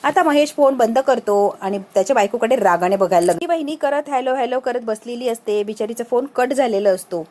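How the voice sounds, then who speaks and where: Brisk woman retelling an episode. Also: fairly high pitch, dark tone. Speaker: serial episode reviewer.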